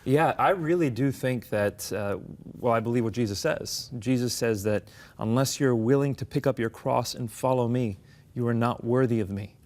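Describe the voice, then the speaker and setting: A man's voice: mid-range voice, moderate pace, darkish tone. Earnest man telling his story. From United States. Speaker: interview guest. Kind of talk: conversational interview.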